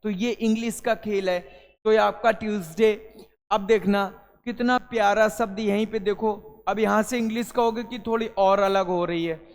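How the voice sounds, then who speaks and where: A man's voice: high-pitched, steady tone, normal speed, clean tone, in a large hall, faint music behind. A male English teacher gives a classroom lesson, calling students "beta" and answering his own questions.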